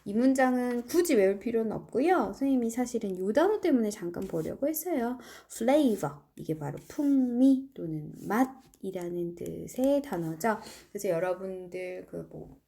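A middle-aged female teacher leads a recorded online English lesson, walking her students through vocabulary one step at a time. Her voice swings widely in pitch and carries a gravelly edge. Its tone is warm and mellow, and she draws out her English example phrases slowly. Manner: lively, explains step by step, slow drawn-out English examples. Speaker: high school English teacher.

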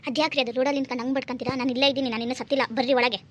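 A woman voicing a harsh, scornful mother-in-law who scolds loudly in a cartoon story. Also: high-pitched, rapid-fire. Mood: shrill scolding. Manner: sharp, scornful, loud scolding.

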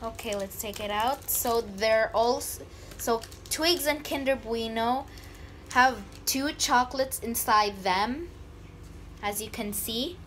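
In a slow, fairly high and somewhat bright voice, a woman vlogs herself unboxing candy at an indoor table, pretending to be frightened with playful squeals and jokes. A phone camera held over the table captures her, with slight background noise.

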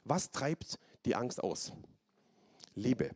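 A man preaching a sermon to a live audience, animated, with repetition and call-and-response. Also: mid-range voice, drawn-out words, breathy edge. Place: church hall, live audience.

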